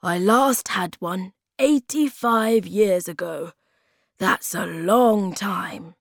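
A weary, ancient male hobgoblin from a storybook, voiced by a woman reading aloud. He speaks slowly and solemnly, with a heavy sadness. The sound is dry and close, with no room around it. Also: medium pitch, gravelly, no room sound.

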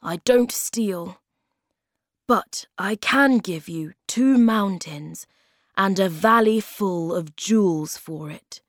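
A woman voicing a sad, tired male hobgoblin who is centuries old, speaking slowly and solemnly. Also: mid-range voice, no room sound, clean studio sound. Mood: weary. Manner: slow, weary and solemn.

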